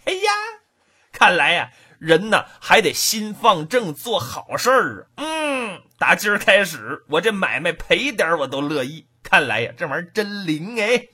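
A man voicing a kind-hearted middle-aged merchant overjoyed at finding a baby, in a lively storytelling manner. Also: high voice, moderate pace, slightly rough, exaggerated voice. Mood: joyful. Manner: lively storyteller's voice with dialect colour.

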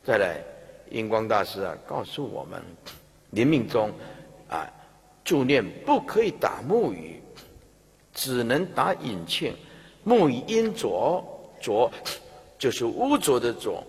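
A man with a husky voice, giving a sermon as a Buddhist dharma teacher and acting out scenes as he goes. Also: mid-range voice, slow pace, pauses often. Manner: animated storytelling, acts out scenes, laughs. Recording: long hall reverb.

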